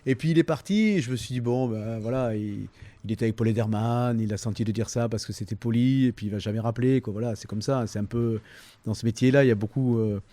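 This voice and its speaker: Brief: fifties man, Provençal accent, low mellow tone, dry close mic, halting casual answers. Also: no room sound. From southern France, Toulon. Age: 50s. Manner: halting, many fillers and restarts. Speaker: comedian, interview guest.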